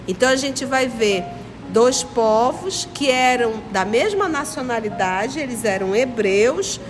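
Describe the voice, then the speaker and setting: In a fairly high, expressive voice that runs a little slow, a children's religious study teacher from Manaus, Amazonas, Brazil, gives a lesson with her northern Brazilian accent. She explains step by step, repeats points and asks the listeners questions. Background noise, clear music and a long reverberant echo are present in the recording.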